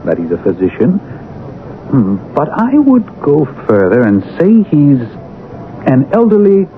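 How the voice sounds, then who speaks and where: An actor playing an earnest, genial doctor, measured and slightly hesitant, in a 1970s radio drama. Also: male voice, fairly high pitch, huge pitch swings, narrow, tinny audio, slight background noise, heavily acted. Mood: pleased, pondering. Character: earnest, genial doctor, the detective's loyal companion. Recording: thin old radio broadcast, music.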